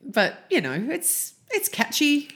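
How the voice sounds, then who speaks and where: A woman's voice: high voice, huge pitch swings, slow, a bit bright. An Australian woman co-hosting a casual music podcast, chatty and well-spoken. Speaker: podcast co-host. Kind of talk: casual chat about 80s and 90s music.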